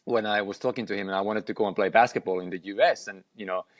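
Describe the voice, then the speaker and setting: A Finnish health and lifestyle coach, appearing as a guest in a conversational podcast interview, talks fast in a voice on the low side with fairly even intonation. He speaks reflectively, often repeating words while gathering his thoughts, and the recording is dry.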